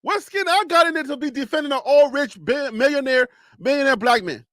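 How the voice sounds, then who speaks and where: A Liberian man hosting a live show speaks a little fast, arguing emphatically with teasing and rhetorical questions in casual stream commentary. His voice is animated, rising in pitch during arguments. The recording is dry and studio quality.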